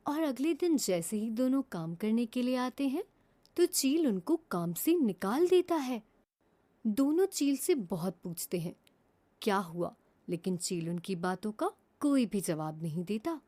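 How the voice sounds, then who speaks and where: A woman narrates a children's cartoon story in a plain storybook manner, her pitch rising and falling in a lively way. Her tone is mellow and warm.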